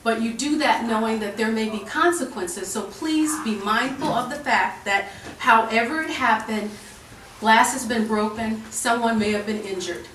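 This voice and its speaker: A woman's voice: on the high side, pushed and bright, distant mic, a little hiss or hum. A woman administrator speaking firmly and measuredly to student protesters, with frequent restarts. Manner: measured, firm, repetitive restarts. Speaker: university administrator. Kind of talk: tense negotiation with protesters. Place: indoor stairwell. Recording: echoey stairwell, recorded from afar.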